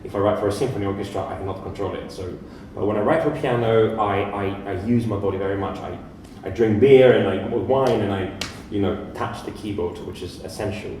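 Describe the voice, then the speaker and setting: A man's voice: lowish voice, darkish tone, far from the mic, a little hiss or hum. Greek man in an echoey fair hall. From Greece. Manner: halting, restarts words often, self-deprecating. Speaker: composer and pianist. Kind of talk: live panel Q&A.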